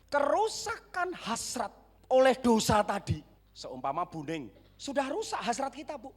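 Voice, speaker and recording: A man with a Javanese accent preaching a sermon in church, turning straight to the congregation and swinging between dramatic shouts and hushed whispers. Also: high voice. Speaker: pastor.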